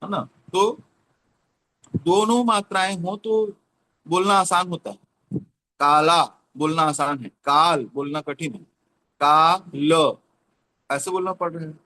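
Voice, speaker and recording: A man explaining a teaching method in an online class, slowly repeating example words. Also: high-pitched, sharp tone. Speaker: teacher training trainer.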